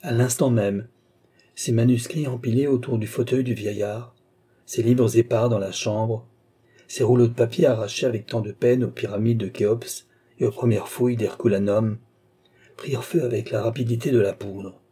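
Mellow, husky male audiobook narrator. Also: mid-range voice, fairly even intonation, normal speed. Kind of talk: audiobook reading of a classic novel.

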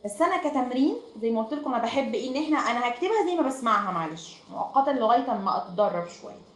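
A woman's voice: on the high side, animated, rapid-fire. A woman with an Egyptian accent teaching a recitation lesson over online voice chat, explaining step by step and often checking with her students. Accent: Egyptian Arabic. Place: room at home. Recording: echoey room, faint noise.

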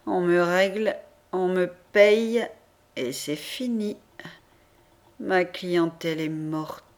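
A woman reading a novel aloud as an audiobook narrator, in a measured first-person style with lively voiced quotes. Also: on the low side. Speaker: audiobook reader. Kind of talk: scripted narration.

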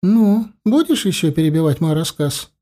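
A man voicing a young mother in a storybook, fond and gently teasing, with a raised, lively voice. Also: fairly high pitch, moderate pace, pitched above the performer's own voice.

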